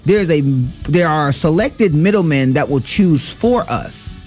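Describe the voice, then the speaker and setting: An animated man co-hosts a political talk radio show, interjecting and exclaiming as he riffs. His voice sits a little high and swings widely in pitch. Faint music plays underneath. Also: a little slow. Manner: animated, exclaims often, says dog.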